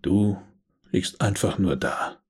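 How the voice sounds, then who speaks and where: A man voicing a world-weary, amused male devil in an audiobook, speaking in an unhurried, quiet, sly way with a low, husky voice. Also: lively intonation, exaggerated voice. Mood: calm, amused.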